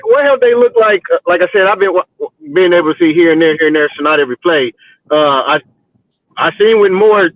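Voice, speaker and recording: Man on a choppy phone-like call. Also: on the high side. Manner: easygoing, says "man" a lot. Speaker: call-in guest. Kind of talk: casual football talk.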